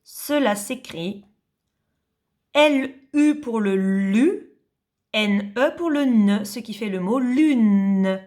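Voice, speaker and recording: A woman teaching young children to read in French, spelling out syllables slowly and distinctly, patient and repeating each sound. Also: on the high side, darkish tone. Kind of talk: slow reading lesson for young children.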